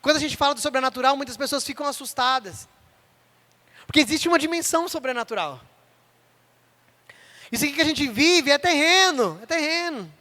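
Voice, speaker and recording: A man's voice: very high-pitched, expressive, a little fast, long pauses, bright, forceful tone. A young man preaching a sermon in church, telling a personal story and acting out the voices of the people in it. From Brazil.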